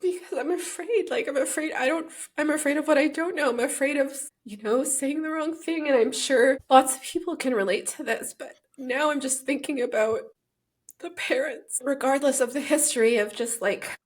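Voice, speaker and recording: A woman hosting an interview, speaking gently and hesitantly, full of grief. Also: high voice, normal speed. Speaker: podcast host. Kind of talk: reflective conversation.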